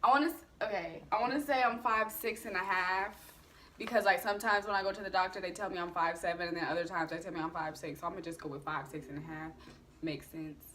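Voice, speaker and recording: Bright-voiced young woman vlogging casually. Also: lowish voice, fairly even intonation, fast, slight background noise. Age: 20s. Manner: chatty, candid, swears casually, laughs often. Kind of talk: casual Q&A vlog.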